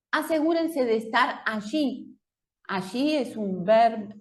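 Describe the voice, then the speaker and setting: A woman teaching an online Spanish lesson, explaining slowly and carefully for learners. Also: medium pitch.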